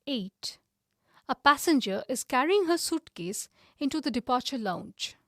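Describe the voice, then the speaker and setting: Female exercise reader, high voice, slow and clear, scripted textbook reading. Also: very animated, heavy background noise. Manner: clear, evenly paced reading.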